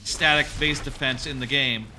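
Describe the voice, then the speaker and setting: A man's voice: medium pitch, fairly even intonation, normal speed, crowd noise, poor audio. A man giving casual game commentary as a gaming video host, musing tentatively with wry asides into a close mic. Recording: game music under the voice.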